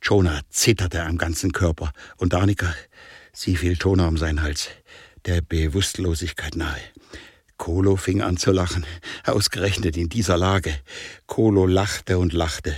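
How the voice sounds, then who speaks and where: A man reads a sci-fi adventure story aloud with playful, lively expression. His voice sits rather low, and the recording is dry and close with no room sound. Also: moderate pace, dry recording. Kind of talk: audiobook narration.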